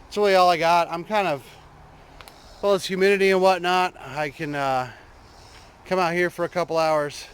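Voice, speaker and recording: A man talking casually and unscripted to his vlog viewers, rambling and halting as he thinks, outdoors in a driveway. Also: high-pitched, fairly even intonation, a bit bright, clean tone. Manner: rambling, halting, trailing off mid-thought. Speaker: vlogger showing a truck build.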